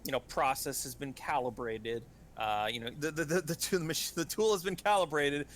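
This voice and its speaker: Halting man running a tabletop game. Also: a little high, fairly bright tone, slight background noise. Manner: halting, many fillers and restarts. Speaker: game master.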